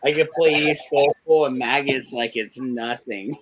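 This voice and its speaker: Excitable, profane man in his thirties. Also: medium pitch, unhurried, slight background noise. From California. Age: 30s. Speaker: podcast co-host. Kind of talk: casual chat.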